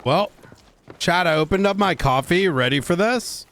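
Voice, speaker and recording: A man's voice: high-pitched, lively intonation, moderate pace, fairly bright tone. A man chatting casually on a gaming livestream, slangy and grumbling, with frequent swearing. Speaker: game streamer.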